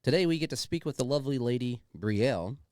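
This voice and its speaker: Male podcast host, chatty and enthusiastic, lively pitch swings, close dry sound, informal and sweary. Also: fast, clean tone, no echo. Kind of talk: casual chatty show introduction.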